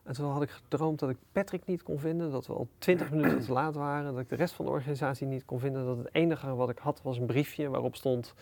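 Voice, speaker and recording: A middle-aged man, an entrepreneur being interviewed, telling anecdotes in a relaxed, animated way with plenty of fillers. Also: medium pitch, quick pace, gravelly, few pauses. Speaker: entrepreneur guest. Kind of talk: casual storytelling interview.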